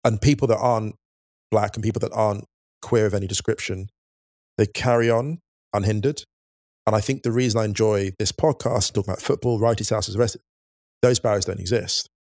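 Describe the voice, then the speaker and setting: A man's voice: on the low side, fairly even intonation, fairly quick, a little mellow, no echo, studio quality. A man co-hosting a football podcast, talking earnestly and reflectively in casual chat. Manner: earnest and reflective, breaking into big laughs. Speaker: podcast co-host.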